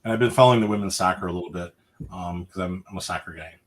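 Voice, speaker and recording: A man co-hosting a live stock market show, chatting casually with fillers and trailing off quietly at the ends of sentences. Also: low voice, racing. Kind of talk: casual livestream market chat.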